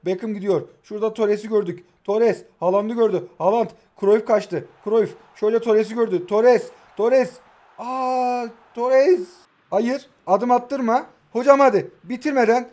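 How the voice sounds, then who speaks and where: High-voiced excitable young man commentating gameplay. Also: normal speed, hardly any pauses. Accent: Istanbul Turkish. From Kahramanmaraş, Turkey. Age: 20s. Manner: excitable, jokey, chatty, shouting at his players. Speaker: mobile football gaming YouTuber.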